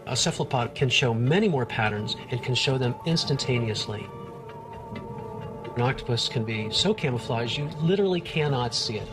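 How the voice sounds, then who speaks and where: A man's voice: medium pitch, expressive, normal speed, over music. A middle-aged man, a research scientist, explaining things informally and with wonder as an expert in a nature documentary. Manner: enthusiastic, marvelling, plain-spoken.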